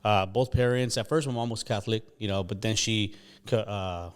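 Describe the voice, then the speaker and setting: Man, 40s, from Mexico, low voice, laid-back guest. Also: moderate pace, clean tone. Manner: relaxed, laid-back, many you knows. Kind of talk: casual interview.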